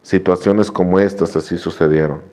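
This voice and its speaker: A man's voice: deep voice, steady tone, normal speed, a little mellow. A man giving an earnest personal testimony to a recovery group, telling his story with many repetitions and restarts. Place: radio broadcast.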